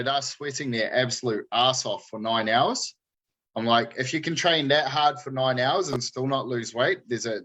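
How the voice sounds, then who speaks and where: A man's voice: mid-range voice, fairly bright tone, lo-fi sound. A man, coaching a group in casual, laid-back chat full of matey slang. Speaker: fitness coach hosting a group check-in.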